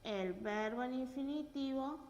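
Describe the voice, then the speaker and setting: A woman teaches English grammar in a slow, unhurried way and checks often that her students follow. Her voice sits a bit high. She is recorded from a distance in an echoey classroom with a long reverb tail and faint room noise behind her. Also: darkish tone, lo-fi sound. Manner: patient, checks with frequent questions. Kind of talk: classroom lesson.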